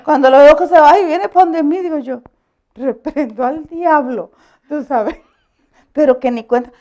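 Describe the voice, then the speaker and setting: Woman pastor, fairly high gravelly voice, lively sermon storyteller who laughs easily. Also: normal speed. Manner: animated storytelling, asks the audience for agreement; laughs often while preaching. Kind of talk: conversational sermon.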